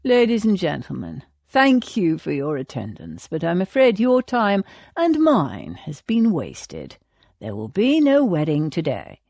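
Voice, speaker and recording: A woman voicing a bored, aloof male duke in an audiobook, with an indifferent, slow drawl. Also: fairly low pitch, wildly swooping pitch, gravelly, a little mellow, dry recording, exaggerated voice.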